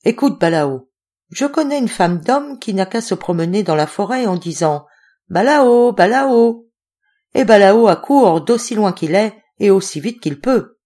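A woman's voice: medium pitch, animated, a little slow, mellow. A woman voicing a tearful young woman who pleads with a trembling voice in an audiobook reading. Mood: pleading.

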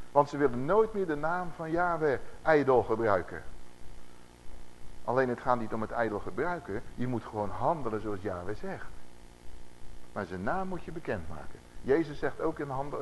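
A man preaching a sermon, slowing down and swelling on scripture quotes and putting questions to the congregation. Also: a little high, a little hiss or hum, poor audio.

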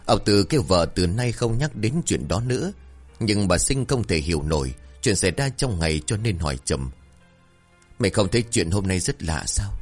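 Male storyteller, low voice, steady scripted folk horror narration, soft music bed. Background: faint music.

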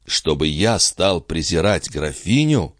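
A man voicing an earnest, stunned nobleman in an audiobook, in a low, measured tone. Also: big pitch swings, no room sound, studio quality, full character voice. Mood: insistent.

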